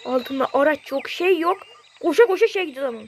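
A man giving casual, excitable gameplay commentary in slangy speech, yelping at sudden moments. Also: very high voice, fast talker, a little hiss or hum. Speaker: gameplay streamer.

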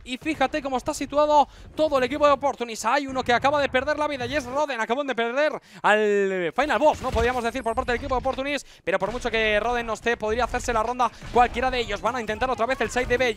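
A man working as an esports caster, giving urgent, excited play-by-play commentary on a match. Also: extremely high pitch, a little hiss or hum. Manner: urgent, running description of the action.

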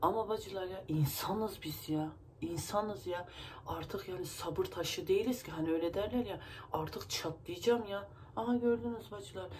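A woman's voice: medium pitch, moderate pace, darkish tone, slight background noise. A woman vlogger venting to her viewers in a rambling, emotional way, her nose stuffy from crying. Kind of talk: casual vlog talk to viewers.

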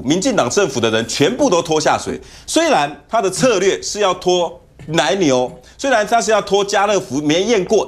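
A man with a Taiwanese Mandarin accent giving heated political commentary as a talk show guest in a TV studio, telling stories and mimicking others. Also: sits high. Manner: animated, storytelling, mimics others.

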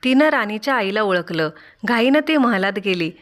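A woman reading aloud a devotional folk tale in a measured, rhythmic storytelling style. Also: medium pitch, lively intonation. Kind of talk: scripted folk tale narration.

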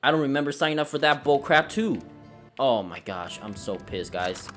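A man giving casual let's play commentary on a game, excitable and cursing, with sudden shouts. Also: medium pitch, normal speed, faint music behind. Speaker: gamer.

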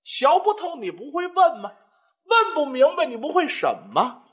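A male storyteller voicing a sharp-tongued older wife who scolds her husband sarcastically. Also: very high voice, very animated, normal speed, voice pushed up, heavily acted. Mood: scolding.

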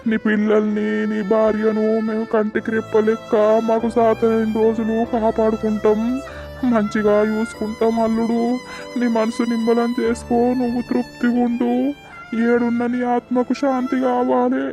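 A man voicing a village elder with a Telangana Telugu accent, steadily directing the family through funeral rites in an animated cartoon. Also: very high-pitched, normal speed, over music. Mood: steady. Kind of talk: animated village comedy dub.

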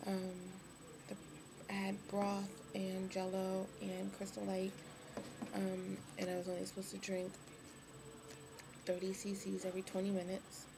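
A young woman speaking casually to camera, tired and weak after surgery, low on energy and hesitant. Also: monotone, unhurried, pauses often. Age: young adult. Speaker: vlogger. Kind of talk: casual video diary. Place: hospital room. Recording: clearly noisy webcam recording, room ambience.

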